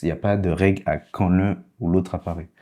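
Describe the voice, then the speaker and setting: A man's voice: low voice, fairly even intonation, a little fast, warm tone. A man teaching how to read Biblical Hebrew in a casual online lesson. He is patient and keeps checking in with "ok?".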